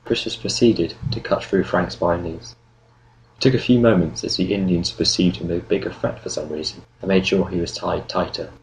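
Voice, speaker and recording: Deep gravelly guy reading an audiobook, steady and measured, faint hiss behind. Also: poor audio. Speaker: audiobook narrator. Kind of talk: scripted narration.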